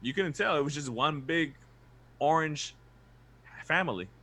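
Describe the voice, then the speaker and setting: A man's voice: fairly high pitch, animated, measured pace, pushed and bright. A man co-hosting a fan podcast, talking in a laid-back way full of fillers. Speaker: podcast co-host. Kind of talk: casual chat.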